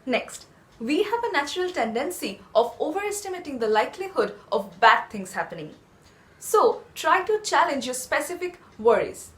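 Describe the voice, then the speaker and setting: A woman's voice: high voice, sing-song, moderate pace. A woman presenting scripted tips in an instructive, point-by-point way. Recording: echoey room.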